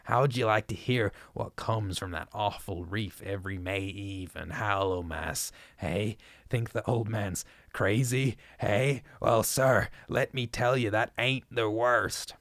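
Guy doing a crazed old salt, rustic drawl, rants and shrieks, kinda low and right up on the mic. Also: steady tone, slow pace, gravelly, fairly bright tone, dry recording, exaggerated voice. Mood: agitated. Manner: rustic old dialect, ranting and shrill. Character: ancient frightened old man, rambling and half-mad.

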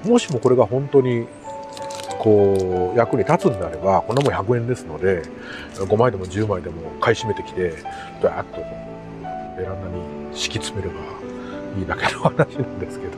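Loud music sits behind a low, lively-toned male voice that runs a little fast. He is a middle-aged hobbyist from Japan vlogging casually to camera about amateur radio, easygoing and rambling, often joking at his own expense.

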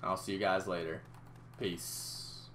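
Over gameplay, a young Massachusetts YouTuber rambles through a casual story, cursing often and restarting his sentences. His voice sits low, stays fairly flat in pitch, and is a bit bright as he talks slowly into a headset mic in a small room, with slight background noise.

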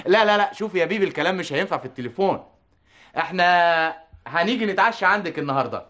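Brief: a flashy Egyptian stage director, high, lively voice, fast talker. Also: male voice. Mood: wheedling. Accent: Egyptian Arabic. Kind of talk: TV drama acting.

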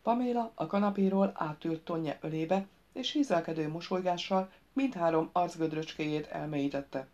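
A woman narrating an audiobook in an even, measured way. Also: fairly low pitch, highs cut off. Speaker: audiobook reader.

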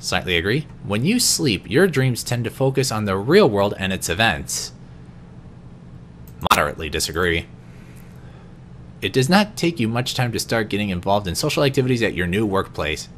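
A man with a low voice reads personality quiz questions aloud in an unscripted video, his pitch rising and falling a lot. He answers each one in a softer, lower tone, with the occasional stumble and restart. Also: very animated, normal speed, slight background noise. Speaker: vlogger.

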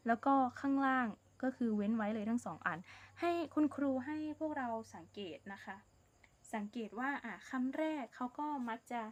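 Patient Thai woman teaching young pupils. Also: on the high side. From Thailand. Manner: patient, repeats herself, coaxing fillers. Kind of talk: explaining a worksheet to young pupils.

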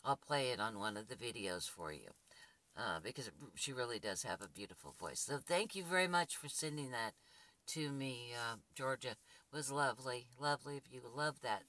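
A woman with a husky, gruff, dark voice, hosting her channel and talking casually to viewers with rambling restarts and fillers. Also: rumbling low, expressive, moderate pace, dry recording. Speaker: spiritual channel host.

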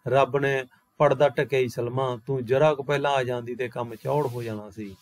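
A man's voice: mid-range voice, fairly even intonation, moderate pace, no echo, close to an everyday voice. A man reading aloud the part of an anxious, earnest village housewife. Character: worried village housewife, middle-aged woman.

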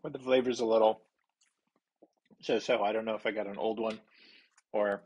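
A man, hosting a casual foodie snack review in a halting way, thinking aloud as he describes flavours. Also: fairly low pitch, steady tone, darkish tone. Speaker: food review host. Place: small indoor home office.

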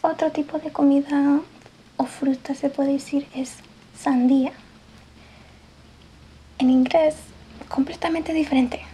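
Woman, whispered role-play, high voice, unhurried and mellow. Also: little pitch movement, a little hiss or hum, poor audio. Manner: soft-spoken, slow and patient, drifting between soft voice and whisper. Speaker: ASMR creator playing an English teacher.

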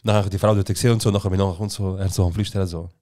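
A man's voice: low-pitched, little pitch movement, noisy background. A young man with a Swiss German accent, co-hosting a podcast and telling slangy stories, acting out the quotes. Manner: rapid slangy storytelling, acts out quotes. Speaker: podcast co-host. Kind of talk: casual chat.

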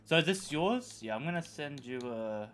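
A man streaming a video game live, chatting excitably and profanely with his viewers and friends. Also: a little high, normal speed, slight background noise. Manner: excitable, profane, bantering with chat. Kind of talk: casual live-stream chat while gaming.

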